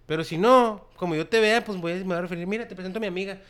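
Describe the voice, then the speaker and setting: A man with a Mexican accent in casual chat, relaxed and slangy, explaining his view at length. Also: high-pitched, racing, clear, resonant tone.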